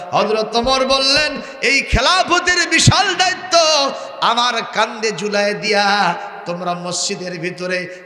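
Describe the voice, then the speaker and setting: A male preacher delivering a waz sermon, shifting between loud exhortation and sung refrains, calling the crowd to respond. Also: high voice, reverberant, long reverb tail. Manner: alternates shouted exhortation with chanted singing.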